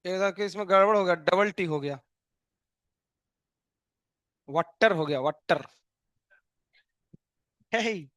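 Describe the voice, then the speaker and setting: A man's voice: high voice, slow pace, pauses often, a bit bright, no room sound, dull audio. A male chemistry teacher, giving a live online lecture in a playful, joking way and asking students questions that he answers himself.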